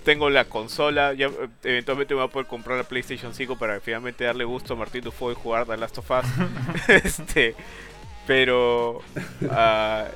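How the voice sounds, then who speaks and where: A man talks in a loose, rambling way, full of fillers and jokes at his own expense. His voice has a crisp, forward brightness. Soft music sits under the talk. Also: mid-range voice, steady tone, normal speed. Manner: rambling, self-mocking, lots of fillers. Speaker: podcast co-host. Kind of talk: casual chat.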